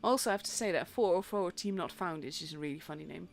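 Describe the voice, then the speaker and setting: Gravelly and on the low side, her voice moves fast. The young native Dutch speaker from the Netherlands, an esports caster and streamer with a Dutch accent, commentates a tournament on her live stream in a casual, rambling way, full of fillers and restarts, with faint stream music behind her.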